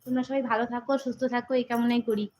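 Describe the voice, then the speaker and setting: A woman hosting a live stream from her phone, answering viewer comments in a slow, chatty way while her voice is hoarse from being unwell. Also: a little high, little pitch movement, a little mellow, rough recording.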